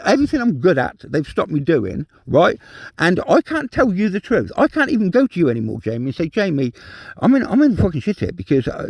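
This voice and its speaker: A man's voice: high voice, gravelly, no room sound. A man from England ranting in an agitated personal monologue, repeating himself and swearing in emotional outbursts. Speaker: vlogger.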